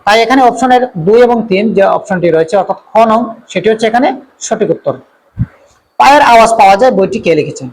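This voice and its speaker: A male teacher going through exam multiple-choice questions, repeating each question and reading out the options before giving the answer, with drawn-out "uh" fillers. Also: sits high, lively intonation, slight background noise, low-quality recording.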